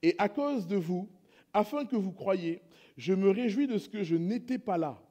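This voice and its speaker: A man pastor preaching a sermon in church, moving between hushed prayerful passages and loud impassioned appeals. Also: high voice, expressive, moderate pace.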